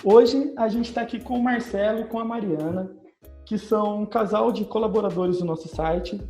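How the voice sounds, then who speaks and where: A podcast host, a man with a fairly high but mellow voice, speaking upbeat straight to his listeners. The recording has a roomy echo around him. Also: moderate pace, faint music behind. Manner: upbeat, addressing listeners directly. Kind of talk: podcast hosting.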